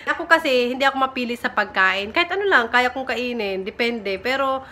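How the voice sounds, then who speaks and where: A young Filipina vlogger chats casually from a room in her home in Japan, recorded on a phone camera. She giggles and teases herself while reading viewer comments, her voice a little high, a bit fast, and sharp in tone.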